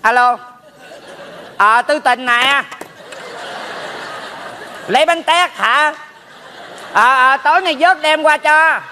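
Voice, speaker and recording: A man's voice: very high voice, slow, long pauses, sharp tone, slight background noise, heavily acted. A man playing a nagging old mother who scolds her son in a stage comedy sketch, drawling his words. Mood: chatty.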